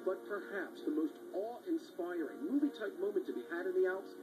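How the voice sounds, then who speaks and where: A man's voice: high voice, a little fast, over music, poor audio. A man narrating a news travel feature in an upbeat, playful tone. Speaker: TV reporter.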